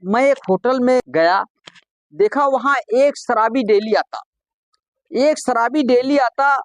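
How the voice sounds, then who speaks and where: A man's voice: very high-pitched, slow. A man performing stand-up comedy, telling folksy jokes conversationally and acting out the dialogue in them.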